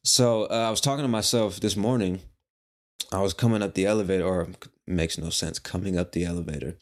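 A man's voice: low-pitched, steady tone, fast talker. A man hosting a casual solo podcast, talking in a rambling, playful way with the odd swear word. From United States. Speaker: podcast host.

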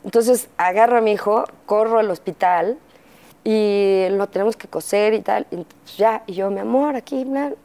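Warm-voiced Mexican woman telling her story. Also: mid-range voice, steady tone, moderate pace, clean tone. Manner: candid storytelling, acting out quoted dialogue, frequent fillers. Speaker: interview guest. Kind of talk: personal testimony in conversation.

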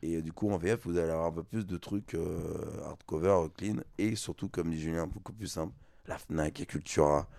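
A man co-hosting a casual podcast chat, laid-back and slangy, often trailing off softly. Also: sits low, moderate pace, vocal fry, dry recording. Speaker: podcast co-host.

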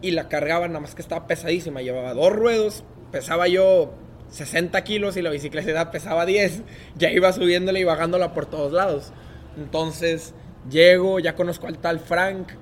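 Young Mexican man, slightly high voice, animated storyteller; faint rumble behind. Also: moderate pace. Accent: Mexican Spanish. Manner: lively storyteller who acts out other people's lines. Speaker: guest. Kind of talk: casual storytelling interview.

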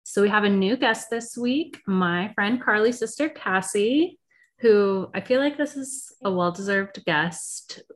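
A woman's voice: mid-range voice, a little slow. Woman in her thirties hosting casually. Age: 30s. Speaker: podcast host. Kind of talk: casual pop culture podcast chat.

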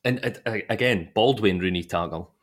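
A man's voice: fairly low pitch, fairly quick. A Scottish man in his mid-thirties, co-hosting a football podcast in teasing, laid-back banter. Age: 30s. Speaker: podcast co-host. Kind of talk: casual podcast chat.

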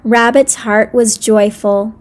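Gentle woman reading a children's story. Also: a little high, steady tone, slow.

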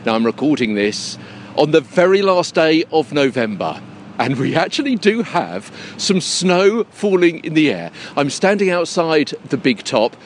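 A chatty male podcast host presents and interviews on location at a big top tent in a park. His voice is fairly high and sing-song, moving a little slowly. Faint generator hum and outdoor ambient noise can be heard behind him.

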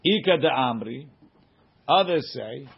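A man's voice: medium pitch, expressive, unhurried, gravelly, husky. A man teaching an informal Talmud class, reading and explaining the text emphatically in question-and-answer phrasing. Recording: muffled lo-fi recording.

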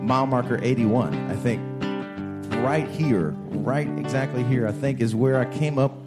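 A man who is a musician guest on a radio show, relaxed and jokey, telling the story behind his song. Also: medium pitch, moderate pace. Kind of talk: laid-back storytelling before a song. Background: guitar.

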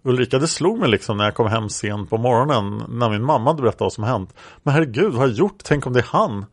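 A young woman witness recounting a café encounter, read out by a man. The reading is flat and unacted, in a gravelly low-creaking voice. The recording is dry and close. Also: no room sound. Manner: flat reading of transcript lines, speaker labels read aloud.

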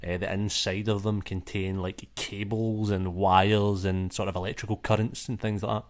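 A man's voice: lowish voice, flat delivery, normal speed. A man running a tabletop game as game master, narrating loosely with plenty of fillers. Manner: loose, rambling, full of fillers.

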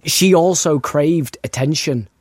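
A man's voice: fairly high pitch, takes it slowly, husky, no room sound, studio quality. A man co-hosting a podcast, chatting casually and retelling film trivia at length. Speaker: podcast co-host.

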